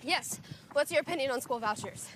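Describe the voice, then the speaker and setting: A woman's voice: sits high, lively intonation. An actress playing a driven, blunt young female student, out of breath from jogging in a film. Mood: breathless. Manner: quick, blunt, exasperated questioning. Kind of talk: film dialogue. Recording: outdoor noise audible.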